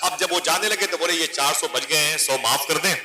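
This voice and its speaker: A man's voice: fairly quick, heavy background noise. Dramatic male preacher, echoey PA sound. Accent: Urdu-inflected Hindustani. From northern India. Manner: dramatic, acts out dialogue, rising to high emphatic lines. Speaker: religious speaker at a gathering. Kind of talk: storytelling sermon. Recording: echoey public-address sound.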